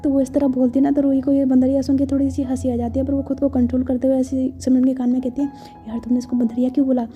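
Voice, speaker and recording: A woman's voice: high voice, completely flat delivery, fast talker, few pauses, dark tone. A woman storyteller retelling a love story in a chatty, casual way, explaining each gesture.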